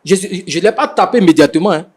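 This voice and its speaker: A young man, a husband, defending himself in a halting way that keeps circling back to the same points. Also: sits high, expressive, a little mellow, breathy edge. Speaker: husband being mediated. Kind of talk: defensive explanation on a mediation show.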